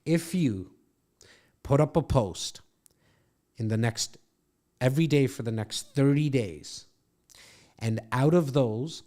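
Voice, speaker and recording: In his home studio, a middle-aged real estate coach who hosts a podcast speaks slowly, with long pauses, in a warm mid-range voice. He's having a casual mentoring chat, pumping up his guest with brash, profane encouragement.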